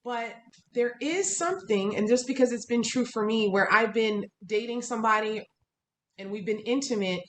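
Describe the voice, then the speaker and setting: A woman's voice: a little high, moderate pace, fairly bright tone. Reflective woman coach in an echoey room. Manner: reflective, encouraging, asks long open questions. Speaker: interview host and fitness coach. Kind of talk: casual conversational interview. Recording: echoey room with faint background noise.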